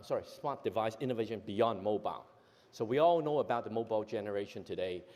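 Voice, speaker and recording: A man's voice: lowish voice, darkish tone. A man from Hong Kong giving a conference presentation, hesitant, with many fillers and self-corrections. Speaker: conference speaker, company executive. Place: large conference hall. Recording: long hall reverb from a conference venue.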